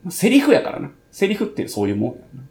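Gravelly Kansai-accented man chatting. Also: sits high, a little mellow. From Kansai, Japan. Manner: laughing, teasing banter. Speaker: podcast co-host, bartender. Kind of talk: casual chat.

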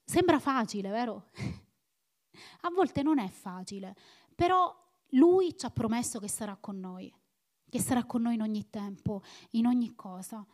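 A woman's voice: a little high, unhurried, darkish tone. A woman preaching a sermon in an earnest, exhorting manner, repeating phrases for emphasis.

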